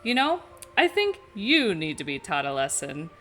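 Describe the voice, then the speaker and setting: A casual, joking young male hero, read aloud by a woman from fan fiction. The voice is bright and forward and a touch low, with faint music behind. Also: huge pitch swings, normal speed. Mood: playful.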